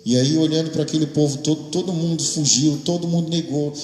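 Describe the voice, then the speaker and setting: A man with a Brazilian Portuguese accent preaching a casual, animated devotional sermon to his congregation, often asking "amém?". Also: a little high, quick pace, faint music behind. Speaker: pastor. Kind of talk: devotional sermon with acted quotes. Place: church hall. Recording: echoey hall with long reverb.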